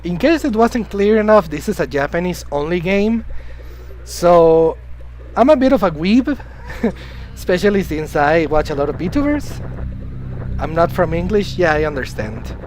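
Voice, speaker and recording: This man's voice is high-pitched, very animated, a little slow and darkish in tone, on a low-quality recording with some hiss or hum. He's casually rambling through a game live stream, chatting with and greeting viewers, answering chat, and coughing at times since he's been sick. Spanish is his first language.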